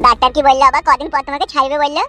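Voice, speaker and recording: A woman's voice: high-pitched, fairly even intonation, racing, sharp tone, soft background music, voice pushed down. A woman voicing a hot-headed young man who swears and vows revenge, in a comedy cartoon. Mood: worried. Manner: fierce, swearing threats.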